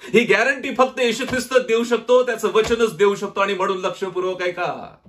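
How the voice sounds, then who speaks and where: A male pastor with a Marathi accent preaching a sermon dramatically, often dropping to a low, quiet voice. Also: normal speed, slight background noise.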